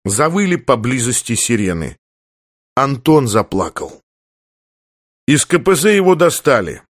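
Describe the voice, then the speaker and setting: A man reading a story aloud in a steady, plain narrating voice. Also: medium pitch, unhurried, dry recording, studio quality. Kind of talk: audiobook narration.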